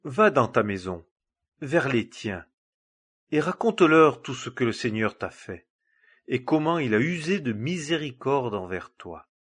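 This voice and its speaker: A calm healer speaks with quiet authority, read by a man. His voice is husky and sits at a middle pitch. It is read plainly as part of a scripture reading. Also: measured pace, exaggerated voice. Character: calm male teacher healing and commanding spirits.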